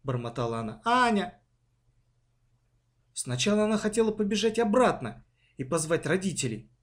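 A man narrating a children's story in a dramatic, expressive reading. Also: sits high, fast talker.

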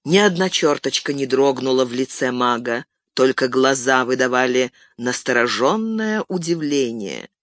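A narrator reading a fantasy story aloud in an unhurried storytelling manner. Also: medium pitch, expressive, fairly bright tone, no room sound, studio quality. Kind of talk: audiobook reading.

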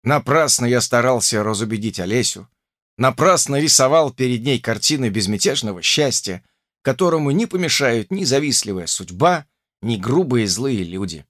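Brief: man, audiobook narrator, measured and expressive, lively pitch, dry close sound. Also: no room sound. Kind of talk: scripted literary narration.

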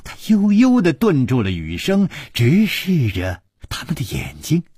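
A male storyteller narrating a long-form story broadcast in an animated way, voicing every character himself. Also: on the high side, a little slow, breathy edge, no echo, clean studio sound.

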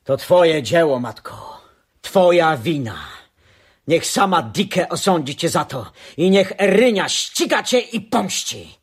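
An anguished, furious son. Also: male voice, medium pitch, lively intonation, unhurried, breathy edge. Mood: accusing. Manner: impassioned, rising to fierce outbursts. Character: grief-stricken young son accusing his mother. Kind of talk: radio drama.

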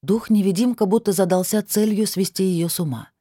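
A woman narrating a fantasy audiobook in a steady, even storytelling manner. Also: mid-range voice, a little fast, slightly rough, no echo, studio quality.

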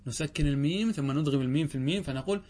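A man teaching a grammar lesson. He reads lines of a text slowly, then explains them, often asking a question and answering it himself. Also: a little high, a little mellow.

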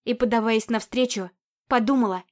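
A woman's voice: a little high, normal speed. Woman reading a romance audiobook. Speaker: audiobook reader. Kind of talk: first-person romance audiobook narration.

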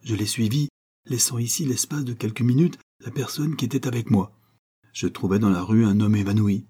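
A man's voice: on the low side, a little fast, warm tone, slightly rough. A man reading a grave solemn doctor. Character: grave learned male doctor, solemn and stern. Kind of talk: audiobook character reading.

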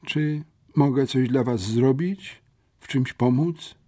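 A man's voice: mid-range voice, slow, dark tone, voice pushed up. A man voicing a pampered teenage schoolboy sports champion, anxious and pleading. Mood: apologetic.

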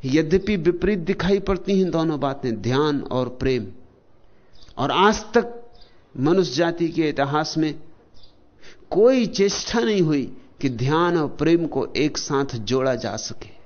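A man delivers a spiritual discourse at a very slow, deliberate pace, with long pauses between single words. His fairly high voice rises and falls in wide, lively swings. The recording sounds dull and lo-fi, like an old archive tape. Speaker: spiritual teacher.

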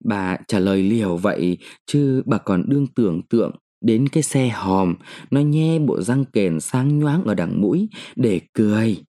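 A man narrating a short story aloud in an expressive, measured storytelling manner. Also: fairly low pitch. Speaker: audiobook narrator. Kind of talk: dramatic short story reading.

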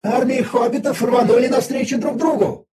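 A man doing a shrill flying creature scout. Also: fairly even intonation, moderate pace, warm tone, husky, soft background music, exaggerated voice. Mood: urgent. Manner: shrill, clipped military reports. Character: fierce flying female pet creature, eager scout.

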